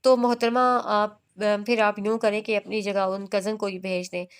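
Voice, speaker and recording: A woman reading the lines of a teasing young male boss in a romance novel, in her own smooth voice. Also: high voice, level tone, moderate pace.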